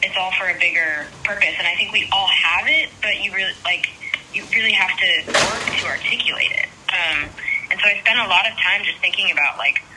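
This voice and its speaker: A woman's voice: medium pitch, fairly quick, noisy background. A young woman who is a singer, chatting casually as a guest in an interview and laughing often. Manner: bubbly, laughs often, says like a lot.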